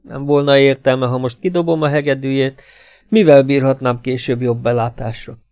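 A man's voice: mid-range voice, no echo, pitched above the performer's own voice, lightly acted. Man doing a terse, cold American agent. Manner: terse and flat. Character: cool, curt male American agent interrogator.

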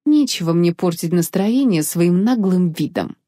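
A woman reading an audiobook voices a drunk, jealous, haughty sorceress with shrill, mocking speech. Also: lively intonation, unhurried, dark tone, no room sound, clean studio sound. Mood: scornful. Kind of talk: audiobook character voice.

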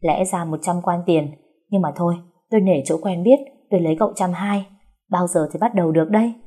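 A woman's voice: on the low side, fairly quick, mellow, slightly rough. A woman voicing a cheeky, money-loving young peasant woman who rambles on and is scared of dying. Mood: boastful. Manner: rambling, wheedling and boastful chatter.

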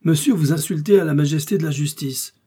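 A man's voice: a little high, brisk, dark tone, husky, pitched above the performer's own voice. A man voicing a stern, suspicious police commissioner who interrogates in a storybook reading. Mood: accusing.

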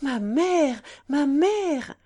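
A woman's voice: high voice, lively intonation, drawn-out words, mellow, pitched above the performer's own voice, full character voice. A woman reading aloud and voicing a distraught young Parisian wife in anguished, raised outbursts. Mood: fervent.

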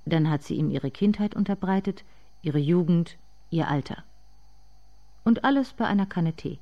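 In a literary radio drama, a woman with a lowish, expressive voice plays a somber narrator, delivering each phrase with measured deliberation. The audio is dull.

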